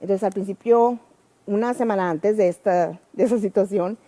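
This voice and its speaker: A woman's voice: mid-range voice, moderate pace, mellow. A woman teacher and trainer telling a personal story to a class in an earnest, reflective way.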